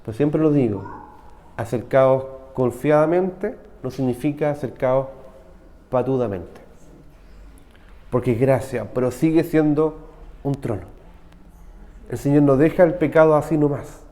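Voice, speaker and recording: A man's voice: mid-range voice, a little slow, pauses often, warm tone, in a large hall. A man with a Chilean Spanish accent preaching a conversational sermon, often asking his listeners "right?". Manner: conversational preaching, frequent rhetorical "¿cierto?". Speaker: pastor. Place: church hall.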